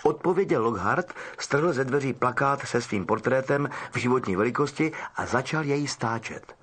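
A man's voice: mid-range voice, husky. A man reading a novel aloud as an audiobook narrator, telling it expressively. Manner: expressive storytelling. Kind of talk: scripted narration.

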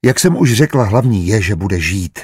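A man's voice: fairly low pitch, animated, a little mellow, husky, dry recording, clean studio sound. A man voicing a cautious, earnest young woman.

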